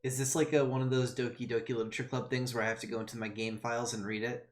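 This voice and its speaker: A man's voice: mid-range voice, little pitch movement, very fast. A male streamer playing a text adventure, reading the game text aloud with hesitant ums and wry self-mocking asides. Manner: hesitant, many ums and trailing thoughts.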